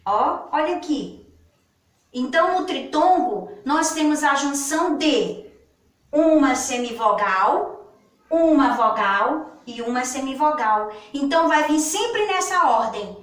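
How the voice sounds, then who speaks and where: A woman with a Brazilian Portuguese accent teaching a children's grammar lesson, speaking slowly and patiently and stretching out her words. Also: high voice, lively intonation. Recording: echoey room, far from the mic.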